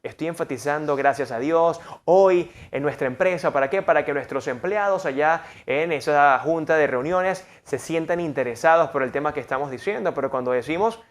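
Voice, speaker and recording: A man's voice: fairly high pitch, moderate pace, few pauses. A man coaching on the voice, teaching a lesson and acting out examples with big swings in tone and emphasis. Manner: expressive, demonstrates voices with big shifts in tone. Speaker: voice and speaking coach. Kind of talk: lesson on vocal technique.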